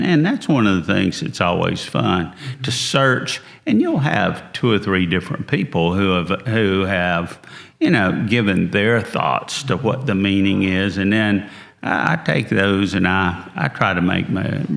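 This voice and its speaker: Older southern guy, super low gravelly voice, slow drawl, telling stories on a podcast. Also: a bit bright. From North Carolina, US. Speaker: guest, business founder. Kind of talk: storytelling in an interview.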